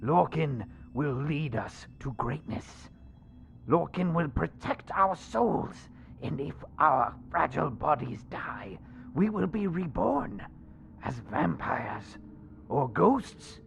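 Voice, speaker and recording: A man voicing a zealous kobold cult preacher in a tabletop game, creaky and solemn, preaching slowly and theatrically to his acolytes. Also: fairly high pitch, sing-song, lo-fi sound, a little hiss or hum, heavily acted. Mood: fervent. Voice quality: creaky, gravelly. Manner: solemn, slow, theatrical sermon delivery. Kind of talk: in-character tabletop game monologue.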